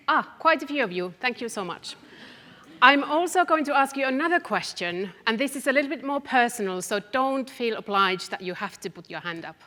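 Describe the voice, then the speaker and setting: A Finnish researcher with a Finnish accent gives a deliberate public talk to a live audience in an event hall, addressing listeners directly and stressing key phrases. Her voice is on the high side, bright and forceful. The hall is echoey, with long reverb.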